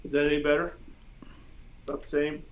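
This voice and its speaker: A middle-aged man, a guest chatting casually on an online show through a quiet, distant-sounding tablet microphone. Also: a little high, little pitch movement, brisk. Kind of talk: casual chat.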